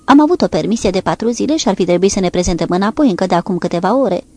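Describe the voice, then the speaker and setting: A woman narrator voicing a tender young woman who gently soothes the man she loves. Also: mid-range voice, animated, natural voice.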